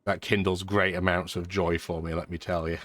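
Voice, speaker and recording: Background music accompanies a man whose low, slightly bright voice is stuffy and nasal from blocked sinuses and a sore throat that's hanging on. He hosts a gaming video, chatting casually and dryly about a strategy game, in a dry recording.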